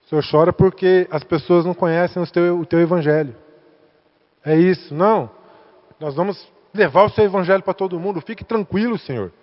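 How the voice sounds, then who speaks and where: A man's voice: high-pitched, fairly quick, close to an everyday voice. A man with a Brazilian Portuguese accent voicing an earnest male spirit who pleads in a quoted story. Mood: pleading. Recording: echoey hall, dull lo-fi sound.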